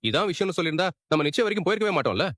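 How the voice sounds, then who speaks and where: A frustrated, worried brother. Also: male voice, sits high, expressive, racing, fairly bright tone, no echo, studio quality. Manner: frustrated but supportive. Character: worried family man discussing his elder brother.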